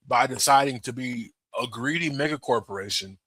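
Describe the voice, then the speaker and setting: A man co-hosting a casual podcast on a plug-and-play mic, talking in an easygoing, halting way. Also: mid-range voice, fairly bright tone. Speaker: podcast co-host. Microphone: plug-and-play USB mic.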